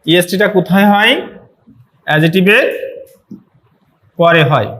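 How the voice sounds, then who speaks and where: Male tutor, high-ish voice, online grammar class, repetitive and encouraging. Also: a bit bright. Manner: repeats words slowly for students to say aloud; encouraging, motivational asides. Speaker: English teacher.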